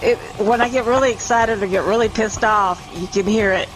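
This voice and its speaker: A woman's voice: mid-range voice, fairly even intonation, a little fast, faint music behind, poor audio. A middle-aged woman from New York interviewing a musician in a friendly, easygoing way. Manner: friendly, laughs easily. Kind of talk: casual interview chat.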